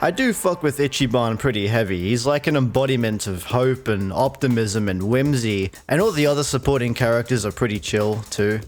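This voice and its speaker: A man's voice: medium pitch, normal speed, hardly any pauses. A young man narrating a casual scripted video game review in a slangy, profane, dryly joking way. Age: young adult. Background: faint music.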